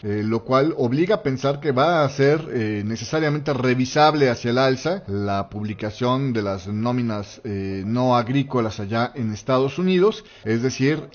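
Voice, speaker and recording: A man's voice: medium pitch, a little mellow. Man with a dull lo-fi sound. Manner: thinking aloud with many fillers. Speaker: market commentator. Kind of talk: live market commentary.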